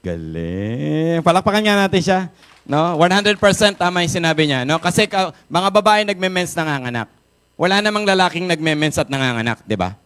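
A man with a Filipino accent giving an energetic, jokey product talk to a live audience, often asking the crowd questions. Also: fairly high pitch, fairly quick, clean tone. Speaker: product seminar speaker. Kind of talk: lively sales pitch to a live audience. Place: event room with a live audience.

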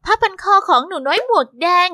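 A woman voicing a flattering, courtly female magic mirror in an animated story. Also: very high-pitched, fast talker, pitched above the performer's own voice, exaggerated voice. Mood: fawning.

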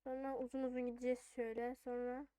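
A female gaming host with a noticeably high, smooth voice. She comments on her game casually, thinking out loud in informal speech. The sound is close and dry. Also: level tone, quick pace, no echo.

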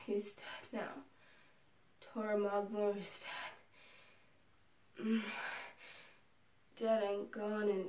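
A woman's voice: mid-range voice, flat delivery, slow pace, long pauses, natural voice. A young woman performing an audition scene as a defiant, anguished young woman seeking justice. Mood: grim, wounded. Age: young adult. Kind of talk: acted dramatic audition scene. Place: small room indoors, before a door. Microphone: camera at a few feet. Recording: roomy, distant microphone.

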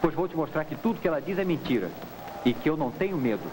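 Actor as a lively young Brazilian man, noisy film. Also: a little high, quick pace, lightly acted. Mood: cocky, teasing. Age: young adult. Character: cocky, teasing young charmer, a breezy malandro. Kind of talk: 1950s film dialogue acting. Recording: noisy old film soundtrack.

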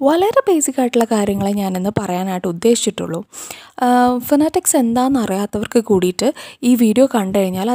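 A chatty young woman with a Malayali accent teaches English pronunciation in a relaxed, casual way. Her voice sits a little high but sounds mellow and warm. She keeps turning to the viewer with questions. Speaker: English teacher, channel host. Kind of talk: casual lesson to camera.

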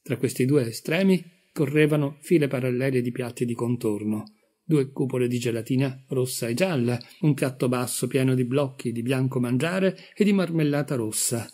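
Man reading a story aloud, slow and measured, dark husky voice. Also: mid-range voice. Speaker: audiobook reader. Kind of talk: literary audiobook narration.

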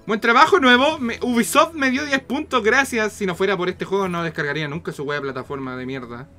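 Chilean male game streamer: sharp, fairly high voice, sweary casual commentary, faint music behind. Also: brisk. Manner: foul-mouthed, slangy, excitable. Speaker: live streamer playing a video game.

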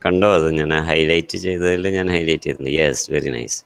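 A man's voice: a bass voice, a little fast, vocal fry, clean tone, dry recording. A man with a Malayali accent teaching English grammar in an online class, switching between Malayalam and English and calling on students by name.

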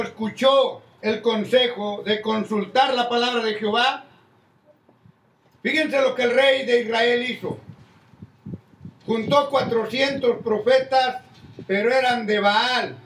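A man's voice: extremely high pitch, steady tone, unhurried, fairly bright tone. An older man, a pastor, preaching a sermon and calling his listeners "brother" along the way. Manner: preaching with many "hermano" asides. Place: church hall with crowd, indoors. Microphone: stand mic at pulpit. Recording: echoey room, distant from mic.

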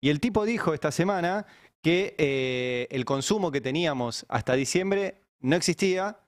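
A man's voice: on the high side, animated, normal speed, dry recording, studio quality. A man with an Argentine accent hosting a political panel, explaining points with an ironic edge. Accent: Argentine Spanish. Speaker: panel host.

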